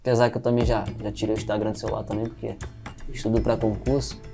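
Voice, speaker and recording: A man's voice: lowish voice, level tone, quick pace, creaky, music in the background. A man speaking as a guest in an informal podcast debate, teaching and often adding short check questions.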